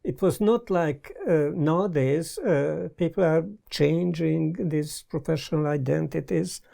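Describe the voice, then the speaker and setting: An older Hungarian-accented man speaks slowly and thoughtfully, pausing often between words. His voice is dark and gravelly. He sits in a book-lined study, picked up cleanly on a lapel mic. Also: fairly high pitch. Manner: thoughtful, halting, with many pauses and fillers. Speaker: guest. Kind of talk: casual conversation. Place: study lined with bookshelves, indoors.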